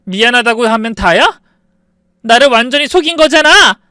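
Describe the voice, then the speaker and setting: Story narration: furious young wife, played by a man, icy then shouting, high, lively pitch, dry close sound. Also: moderate pace, no echo. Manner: cold and cutting, rising to shouts. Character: furious young wife confronting deceitful in-laws.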